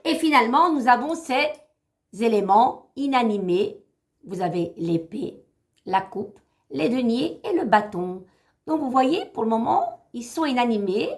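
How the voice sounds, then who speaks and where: A woman's voice: a little high, expressive, a little slow, a little mellow. A woman tarot reader talking straight to her viewers in a chatty, theatrical live stream. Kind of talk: live stream card reading.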